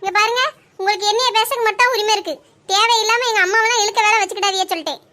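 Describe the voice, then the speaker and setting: A woman's voice: very high-pitched, racing, bright, forceful tone. Woman voicing a defiant young daughter-in-law. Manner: defiant, talking back. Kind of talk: cartoon voice acting.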